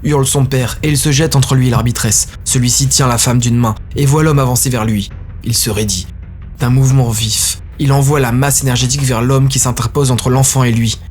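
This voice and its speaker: A man narrating a dark science-fiction audio story in a grave, intense manner. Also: mid-range voice, fairly even intonation, a little fast, a little hiss or hum.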